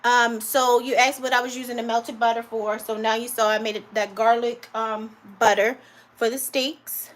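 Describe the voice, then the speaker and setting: A woman's voice: on the high side, little pitch movement, moderate pace. A woman home cook on a live cooking stream, chatting casually with viewers and calling them honey and guys.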